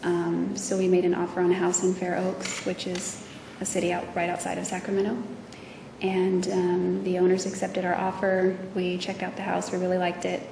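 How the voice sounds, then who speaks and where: A woman testifying as a witness, speaking hesitantly with many pauses and fillers, in a courtroom recording. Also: lowish voice, completely flat delivery, gravelly. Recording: echoey courtroom audio from far off with noise.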